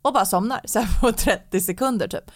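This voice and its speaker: A woman in casual podcast chat, telling a story in a lively, animated way with many fillers. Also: medium pitch, no echo, clean studio sound. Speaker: guest telling her story.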